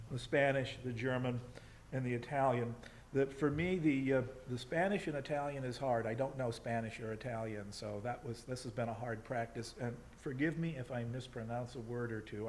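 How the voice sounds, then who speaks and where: A man's voice: medium pitch, a little mellow, a little hiss or hum. A man speaking casually and self-deprecatingly to an audience at a museum event, with hesitant fillers. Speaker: contestant reciting a speech. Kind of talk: casual spoken remarks to an audience.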